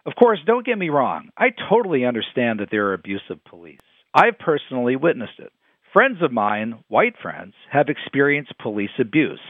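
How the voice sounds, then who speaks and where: A man with a mid-range voice delivers a scripted radio commentary, speaking emphatically and quoting his sources. The recording is dry, with a phone-like radio sound.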